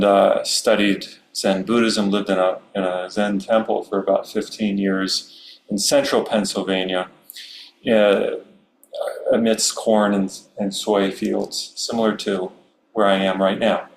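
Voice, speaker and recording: A middle-aged man from Maryland speaking as a Zen priest, giving a relaxed, unhurried Dharma talk with many fillers and soft chuckles. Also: lowish voice. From Maryland, USA. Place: meditation hall. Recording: roomy hall with faint hum.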